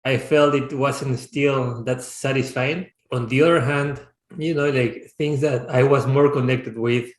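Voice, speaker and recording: A man in his thirties from Peru, a startup founder, answering interview questions reflectively and often pausing to restart his sentences. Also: mid-range voice, steady tone. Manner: reflective, searching for words with frequent restarts. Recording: roomy, echoey sound.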